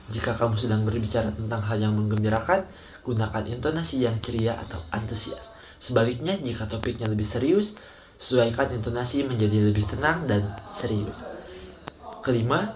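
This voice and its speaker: Young male student presenter, casual explainer, clear crowd noise behind. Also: medium pitch. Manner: casual explanatory delivery, numbered points. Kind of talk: training module presentation.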